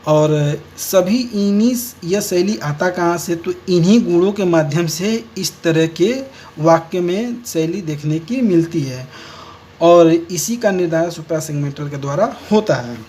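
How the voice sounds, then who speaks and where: A man's voice: a little high, a little slow, a little mellow, a little hiss or hum. A man teaching a lesson and explaining each point step by step. He often repeats key words and restates them. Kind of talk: lecture on speech errors.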